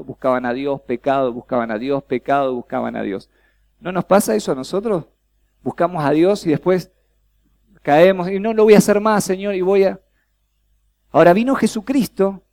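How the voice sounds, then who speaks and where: This high-voiced man has a Rioplatense Spanish accent and leads a lively preaching workshop at a church youth congress, where he quizzes the crowd and acts out little exchanges.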